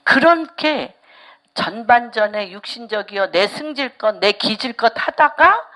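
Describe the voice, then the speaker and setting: A woman pastor preaches in a church, her pitch sitting a little high and swinging widely. She questions the congregation and then drops to hushed whispers to press a point. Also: lively intonation, a little slow. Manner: asks the congregation rhetorical questions. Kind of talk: sermon.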